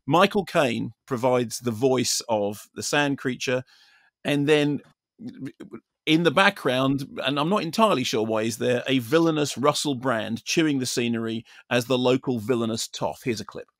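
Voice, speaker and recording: A man's voice: medium pitch, normal speed, a bit bright, dry recording, studio quality. A British man giving a spoken film review as a critic, discursive and opinionated.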